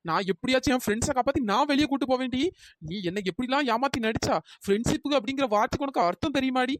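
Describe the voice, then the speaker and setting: A woman voicing a bold young village woman in a cartoon story who stands up for her friends in brisk, defiant talk. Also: high-pitched, close to an everyday voice.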